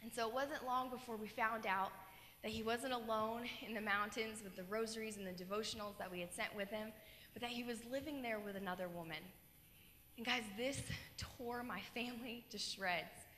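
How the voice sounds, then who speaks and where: A woman's voice: fairly high pitch, moderate pace, a little hiss or hum. A young woman from Colorado giving a keynote testimony on stage, telling her story earnestly into a handheld mic. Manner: earnest storytelling, animated gestures. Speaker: keynote speaker. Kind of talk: personal testimony talk. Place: large dark stage in an auditorium. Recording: long hall reverb.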